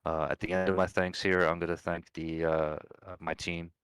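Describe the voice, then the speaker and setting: A man's voice: low voice, level tone, moderate pace, a bit bright, clean tone, dry recording. A man in his forties, a sim racing driver, giving a rambling, heartfelt post-race interview full of thanks. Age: 40s.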